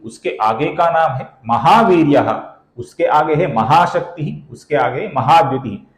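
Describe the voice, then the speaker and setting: Patient male teacher, fairly high voice, very slow and deliberate delivery, roomy echo. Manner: slow and deliberate, stretching out syllables when he chants; addresses viewers as friends, explaining step by step. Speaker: teacher of Sanskrit verse pronunciation. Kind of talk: slow, careful recitation lesson.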